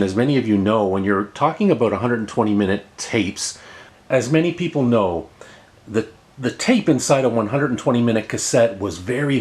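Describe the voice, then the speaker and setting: A middle-aged man hosts a how-to tech repair video, narrating hands-on steps casually and plainly while repeating words for emphasis. His voice is medium in pitch with a darkish tone.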